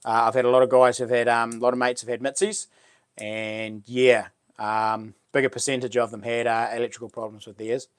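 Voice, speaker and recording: Male livestream host, broad Kiwi accent, mid-to-low pitch, dry sound, matey and slangy. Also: little pitch movement, brisk, clear, resonant tone, dry recording. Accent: New Zealand. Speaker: live stream host. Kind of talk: casual livestream chat, reading out comments.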